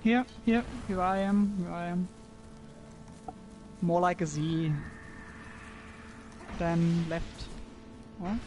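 A man's voice: sits high, steady tone, extremely slow, long pauses, darkish tone, slight background noise. A man leading a game raid, explaining lore and tactics with plenty of ums and restarts over voice chat. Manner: explains with many fillers and restarts.

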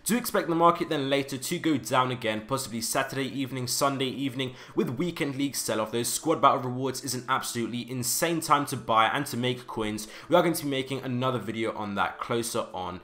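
A man's voice: medium pitch, fast, few pauses, bright, forceful tone. A young man giving casual market commentary as a game trading video host, leaning on an emphatic "do" in his verbs.

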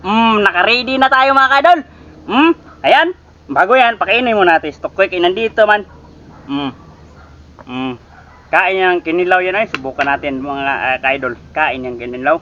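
Chatty man with a bright voice. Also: high-pitched, expressive, moderate pace, dull audio. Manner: chatty, constantly addresses viewers as idols. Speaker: cooking vlogger. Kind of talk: casual cooking vlog chat.

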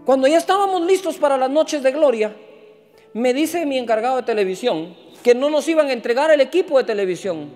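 Man, pastor, sermon storytelling, high-pitched, animated, faint background music. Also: big-room sound. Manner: animated, acts out dialogue with sharp pitch jumps.

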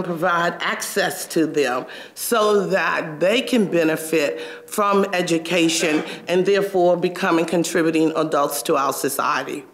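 A man's voice: sits high, a bit bright. A man on a school board speaking as a panelist, hesitant with frequent fillers, in a conference room. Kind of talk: panel discussion.

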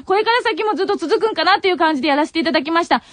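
A woman's voice: very high voice, lively intonation, rapid-fire, no echo. A young woman hosting a late-night radio show in Nagoya dialect, voice worn from crying as she says an emotional farewell, heard on a muffled old cassette tape. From Tokai region of Japan. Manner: emotional farewell, voice choking with tears between laughs. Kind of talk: radio talk, reading listener letters. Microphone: studio radio mic.

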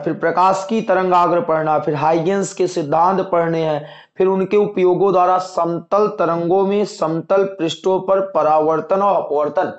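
A male teacher going through an exam syllabus, repeating key points and reassuring students he calls dear children. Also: high-pitched. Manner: repetitive, assuring, addresses students as dear children. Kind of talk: exam-prep lecture. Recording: echoey room, dull lo-fi sound.

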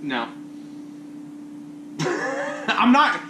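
High-pitched, animated man bantering in echoey room. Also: drawn-out words, noisy background. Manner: crude, joking, interjecting. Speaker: review show co-host. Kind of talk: rowdy casual banter. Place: small indoor lounge, on a couch. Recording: roomy echo, music behind.

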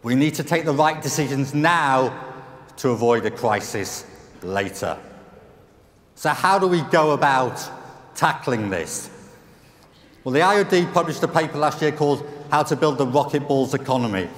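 Speaking from a large stage through a headset mic, a middle-aged British economist delivers an emphatic conference keynote full of rhetorical questions and repeated punchlines. His mid-range voice has lively intonation and a moderate pace, and the recording carries roomy hall reverb.

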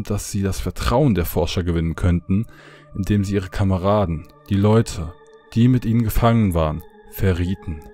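Tiefer, dunkler Horror-Erzähler. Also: male voice, deep voice, a little mellow. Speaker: narrator. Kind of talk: scripted horror story narration.

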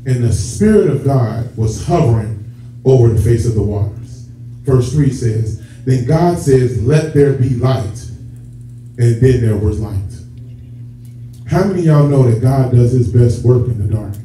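A warm, mid-range, expressive voice belongs to a man giving a sermon as a church elder, speaking a little slowly. He addresses the congregation directly in a conversational style, stretching out key words. Heard through a camera at the back of a sanctuary with a stage and rows of seats, he sounds distant, echoey, muffled and noisy.

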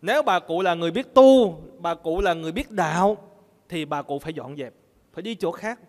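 High-voiced male monk preaching in a hall. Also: expressive, fairly quick, a little mellow. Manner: asks the audience questions and answers them himself. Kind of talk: sermon with call-and-response questions.

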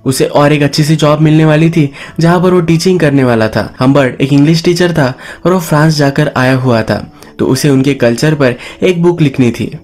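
A man's voice: a little high, darkish tone. Man narrating a movie recap. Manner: casual storytelling, English words mixed into Hindi. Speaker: movie explainer.

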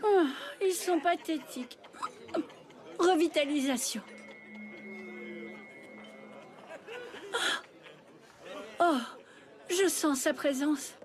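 Haughty celestial princess for a cartoon: high, stern, formally disdainful. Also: female voice, takes it slowly, darkish tone, a faint crowd. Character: haughty winged archangel in a princess's body. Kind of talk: French anime dub.

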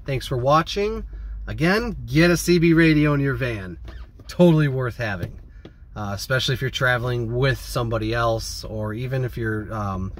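A man with a mid-range voice and moderate pace gives a rambling, casual vlog chat to camera, speaking with an American Midwest accent. He films inside a parked van using a phone or camera at arm's length, with vehicle noise clearly in the background.

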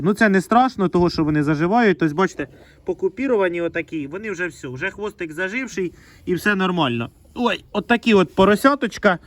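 A man's voice: high-pitched, dry recording. A man, a pig farmer, chatting casually as he shows his pen, fond with the piglets and scolding them. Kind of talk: casual vlog narration.

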